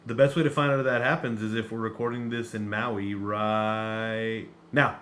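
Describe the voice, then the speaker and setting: Joking low-voiced man in casual chat. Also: moderate pace, a little hiss or hum. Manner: joking, deadpan banter. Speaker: podcast co-host.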